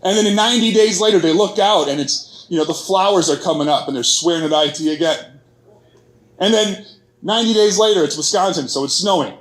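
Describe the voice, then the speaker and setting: High-voiced man speaking in an echoey hall. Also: a little fast. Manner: storytelling with quoted voices and jokes, many fillers. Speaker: conference speaker. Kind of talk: conference talk. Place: conference hall.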